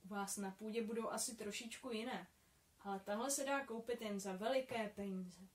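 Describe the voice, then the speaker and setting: A friendly young man with a worldly, teasing air, read by a woman in her own voice. He speaks calmly and kindly to two boys, in a storybook read aloud. The voice stays at an everyday middle pitch. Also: roomy sound, close to an everyday voice.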